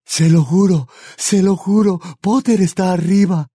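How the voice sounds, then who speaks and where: A desperate, whimpering father voiced by a man in an audiobook. The voice is raised high, breathy and soft-toned, begging without pause. It sounds dry and close. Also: no echo. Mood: pleading. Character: frightened pleading older man, desperate father. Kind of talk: audiobook narration.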